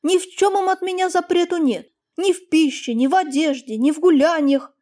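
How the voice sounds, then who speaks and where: A woman's voice: extremely high pitch, normal speed, darkish tone, pitched above the performer's own voice. A woman reading an audiobook, voicing an older peasant man who speaks plaintively and deferentially. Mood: sorrowful. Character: older peasant man, meek, sorrowful, fawning.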